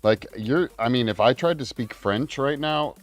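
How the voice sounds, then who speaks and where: A man chatting casually on a livestream call, talkative and quick to laugh, with plenty of ums and uhs. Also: mid-range voice. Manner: chatty, laughs often, many fillers. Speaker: streamer. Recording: faint music behind. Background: faint background music.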